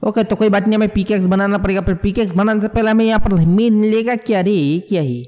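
A man giving jumpy, excitable let's play commentary on a horror game, mixing English words into his talk. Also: high-pitched, fast talker, in a large hall. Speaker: gamer.

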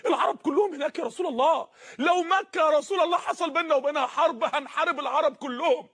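A man's voice: very high-pitched, very fast, a bit bright. A man voicing alarmed early male followers who plead urgently, with an Egyptian Arabic accent.

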